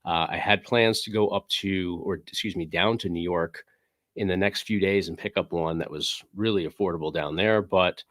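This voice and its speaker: A man streaming casually from his game room speaks low and a bit bright at a moderate pace, with clean studio sound and no echo from his desk microphone. He's on the mend from a cold and sniffles now and then, rambling through filler-laden talk and reading the chat aloud.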